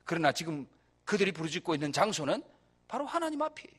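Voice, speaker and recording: A man's voice: fairly high pitch, very animated, fast, fairly bright tone, slightly rough. A male pastor preaching a sermon in a church, asking rhetorical questions and swelling in volume for emphasis.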